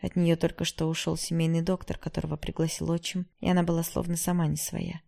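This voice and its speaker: A woman reading a first-person novel aloud in a steady, emotive storytelling manner. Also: sits low, quick pace, creaky. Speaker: audiobook narrator.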